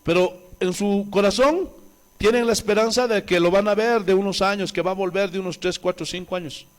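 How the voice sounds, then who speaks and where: A man's voice: high-pitched, brisk. A man with a Bolivian Spanish accent, a pastor preaching a sermon with impassioned rhetorical questions to the congregation.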